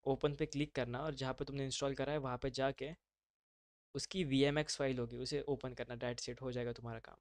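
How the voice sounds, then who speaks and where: A man's voice: medium pitch, flat delivery, fairly quick, no room sound, clean studio sound. A man teaching a live online class, talking casually and mixing in English terms. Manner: casual, brotherly, mixes English terms into speech.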